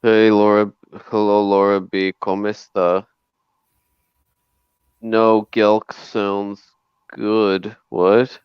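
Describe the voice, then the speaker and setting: A man's voice: on the low side, little pitch movement, very slow, pauses often, clean tone, no room sound. A man hosting a livestream in casual chat, playful, often stumbling and restarting. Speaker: livestream host. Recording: slightly muffled stream audio.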